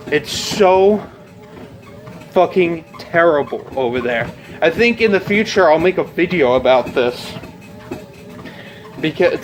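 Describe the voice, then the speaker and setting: A man's voice: sits high, poor audio. A man talking in a casual rant vlog, venting with frustration and frequent swearing. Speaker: vlogger.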